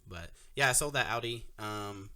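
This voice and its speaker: A man chatting casually on a podcast and telling a long story with animated energy. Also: lowish voice, moderate pace. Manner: storytelling, animated, laughs often. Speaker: podcast co-host. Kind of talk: casual chat. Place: podcast recording, audio only.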